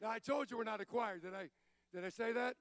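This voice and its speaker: A man's voice: high voice, fast talker, fairly bright tone. A man preaching a sermon as pastor, exhorting the congregation, calling for amens and stumbling into stammered restarts. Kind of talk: sermon with congregation call-and-response.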